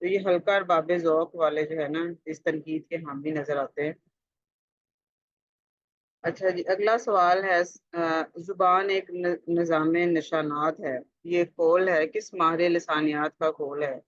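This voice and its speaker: A tutor with a Pakistani Urdu accent reads multiple-choice exam questions and supplies the answers. He speaks deliberately in a medium pitch with fairly even intonation, repeating questions and using conversational fillers. The recording is dull, lo-fi and dry, with no room sound.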